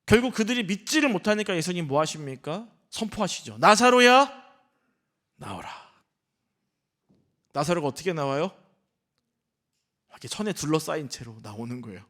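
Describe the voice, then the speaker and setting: A man, a senior pastor, preaching a sermon in an animated style, asking the congregation questions and acting out the voices in the story. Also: on the high side.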